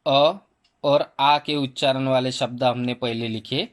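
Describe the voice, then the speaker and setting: A man teaching a primary school Hindi lesson, slowly sounding out each letter and vowel sound for children. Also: medium pitch, fairly even intonation. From India. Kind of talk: slow spelling lesson for children.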